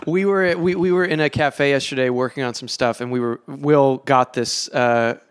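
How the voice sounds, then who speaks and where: Brief: male podcast co-host, mid-range voice, relaxed storytelling. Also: mid-range voice, moderate pace, smooth. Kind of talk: casual podcast anecdote.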